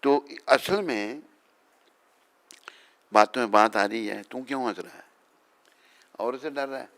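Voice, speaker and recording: A man's voice: mid-range voice, slow pace, a bit bright. A man, a swami, giving an informal spiritual talk to devotees, chatty and teasing, often asking if he is right.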